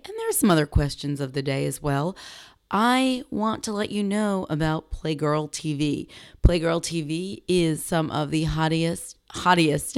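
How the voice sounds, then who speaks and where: Low, gravelly woman chatting into a headset. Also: darkish tone, dry recording, studio quality. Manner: rambling, self-joking, chatty. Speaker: podcast host and sex educator. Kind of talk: unscripted solo podcast chat. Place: home studio in a big US city. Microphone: headset mic.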